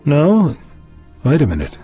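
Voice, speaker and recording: A man's voice: fairly high pitch, wildly swooping pitch, measured pace, mellow, husky, soft background music, exaggerated voice. A man playing an eccentric, curious time-travelling doctor in an audio drama, polite but dismissive, with a musing theatrical delivery. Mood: intent, investigative. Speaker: lead actor in an audio drama.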